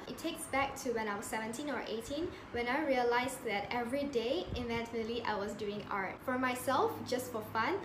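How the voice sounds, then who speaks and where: A woman's voice: fairly high pitch, echoey room, noisy background. A woman in her twenties, a designer, giving reflective, articulate interview answers to camera. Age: 20s. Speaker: designer guest. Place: indoor bedroom.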